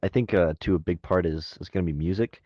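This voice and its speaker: A man of twenty-one chatting as a podcast guest, relaxed and rambling with lots of fillers. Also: deep voice, fast, no room sound, highs cut off. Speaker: guest filmmaker. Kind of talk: casual podcast chat.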